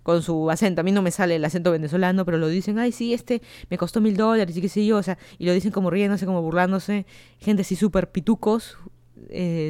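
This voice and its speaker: A woman's voice: on the low side, dark tone, clear, resonant tone. A woman with a Peruvian accent, hosting a podcast and chatting in an opinionated, rambling way with plenty of asides. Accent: Peruvian Spanish. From Peru. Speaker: podcast host. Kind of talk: casual solo commentary. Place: home in Miami.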